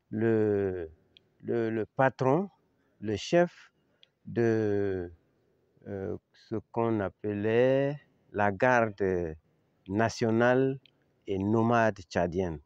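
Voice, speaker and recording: An older man with a Chadian accent giving an informal historical account, halting and searching for words, yet emphatic with the listener. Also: lowish voice, darkish tone, clear, resonant tone, no echo, dull audio. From Chad. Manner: halting, with repeated words and long searching pauses. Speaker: eyewitness commentator on history.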